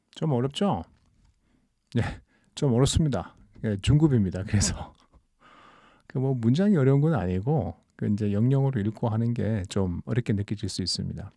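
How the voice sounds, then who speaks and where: A man teaching English as a channel host, explaining calmly and patiently and drawing out the example sentences in a relaxed, podcast-style lesson. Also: fairly low pitch, creaky, no room sound, studio quality.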